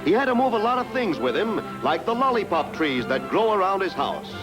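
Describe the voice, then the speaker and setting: High, lively old newsreel announcer man. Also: brisk, low-quality recording. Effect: played from an old 1940s newsreel. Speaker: newsreel narrator. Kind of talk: upbeat newsreel narration addressed to kids. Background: loud music bed.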